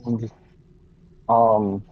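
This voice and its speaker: A man's muffled voice heard as if through a wall, unhurried and joking. It comes over a dull, lo-fi voice chat from inside a car. He drawls slowly and casually. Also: lowish voice, level tone. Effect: muffled, dull sound, as if through a wall. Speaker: guest joining a game stream by voice chat.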